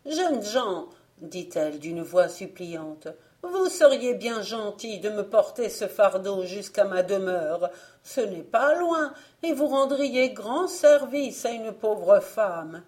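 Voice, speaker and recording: A woman reading aloud and voicing a very old, pleading woman who carries firewood, in a high, strained voice. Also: flat delivery, slow pace. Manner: high, pleading, then shrill and loud.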